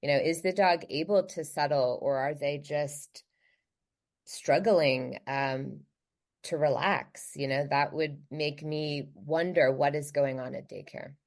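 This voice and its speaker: A woman's voice: deep voice, takes it slowly. A woman appearing as a guest dog trainer on a podcast. She speaks reflectively and uses "you know" while thinking through questions. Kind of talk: conversational podcast talk.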